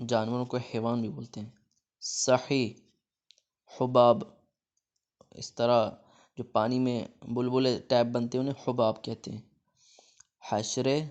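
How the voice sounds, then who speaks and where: A man with a Pakistani Urdu accent teaching a Persian lesson, saying each word louder and then explaining it more quietly. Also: medium pitch. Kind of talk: classroom-style lesson explaining vocabulary.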